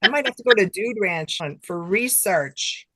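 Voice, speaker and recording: In a casual interview, a middle-aged woman who is the guest author speaks at normal speed with a medium pitch, lively intonation, and a slightly bright tone. She chuckles between remarks and makes fun of herself, and the recording has no room sound.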